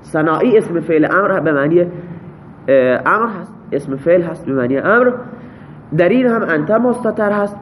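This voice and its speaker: Male teacher with a fairly high voice and a faint hum of room noise behind him, walking a class through grammar examples one by one and checking in with students. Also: lively intonation. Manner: parses example sentences step by step, checks with students.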